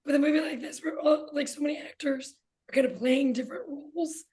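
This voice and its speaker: A woman interviewer who has lost her voice, asking questions in a half-whispered, hoarse way. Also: high-pitched, fairly even intonation, brisk, a little mellow. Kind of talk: press junket interview.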